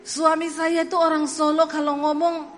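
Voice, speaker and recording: A woman's voice: sits high, moderate pace. A woman from Sulawesi with a Sulawesi accent, preaching a sermon and animatedly acting out stories with humor. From Sulawesi, Indonesia. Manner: animated, acts out dialogue, laughs at her own stories. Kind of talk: sermon with humorous personal storytelling. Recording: echoey hall with faint music.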